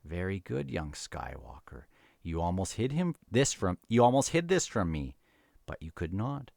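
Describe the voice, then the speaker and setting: Man reading as Emperor Palpatine, low-voiced and gloating. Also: sing-song, moderate pace, gravelly, a little mellow, dry recording, clean studio sound, full character voice. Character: cunning, gloating old evil emperor.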